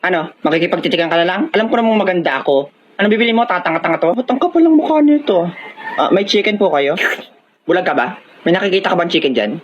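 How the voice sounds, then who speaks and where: Field: comedy skit. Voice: a man playing a rude, vain female vendor. Pitch: high. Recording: dull lo-fi. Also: very fast. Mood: snappy. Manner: insulting, snapping. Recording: dull lo-fi sound, faint noise.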